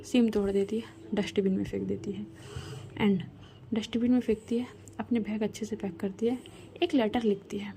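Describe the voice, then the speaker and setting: A woman storyteller, telling a love story casually in a soft, half-whispered voice with chatty asides. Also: medium pitch, little pitch movement, moderate pace, gravelly, a little hiss or hum.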